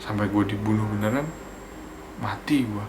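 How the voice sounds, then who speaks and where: A man's voice: on the low side, moderate pace, noisy background. Slangy Jakarta man telling a story. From Indonesia. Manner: slangy, fervent, acts out quoted speech. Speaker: vlogger. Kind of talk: casual spoken storytelling.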